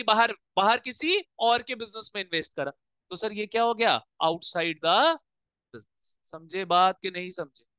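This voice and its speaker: A man's voice: high-pitched, sharp tone, smooth, dry recording. A man teaching an accounting class, mixing English terms into his Hindi explanations and constantly firing questions at the students, then answering them himself. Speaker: commerce teacher. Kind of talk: classroom lecture.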